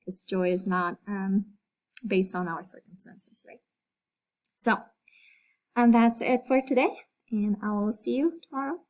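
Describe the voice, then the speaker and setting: A woman reading a devotional aloud at home, then reflecting in an unhurried way, with frequent fillers and restarts as she talks freely. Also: mid-range voice, a little mellow, poor audio. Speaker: devotional leader.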